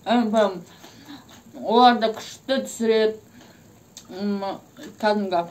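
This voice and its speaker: A woman's voice: medium pitch, fairly even intonation, slow pace, darkish tone. A young woman vlogging a mukbang, chatting casually while chewing her food. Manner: chatty, mixes in Russian words. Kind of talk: casual chat while eating.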